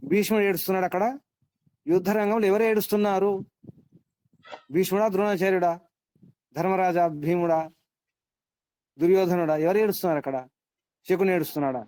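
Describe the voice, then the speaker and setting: A man with a fairly high, slightly mellow voice teaches a scripture class in an interactive lecture. He quizzes his students and repeats his points for emphasis.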